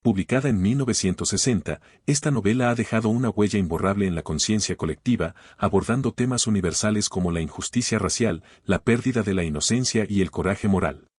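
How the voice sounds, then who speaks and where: A man hosting a podcast, reading scripted literary commentary in a measured, formal way and posing rhetorical questions. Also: lowish voice, slightly rough, no echo, clean studio sound. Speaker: podcast host.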